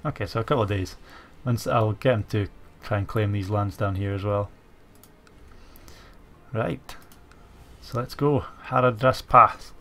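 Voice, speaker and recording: A gaming channel host with a stuffy cold speaks unhurriedly in a fairly low, slightly bright voice. He muses aloud with many fillers while playing and commentating a strategy game, keyboard typing audible behind him.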